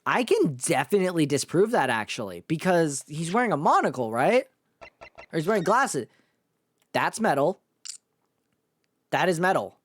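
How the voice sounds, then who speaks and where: A man's voice: on the high side, sing-song, moderate pace, long pauses, breathy edge, no room sound. A man streaming a video game with casual, slangy commentary, muttering asides to himself. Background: music behind the voice.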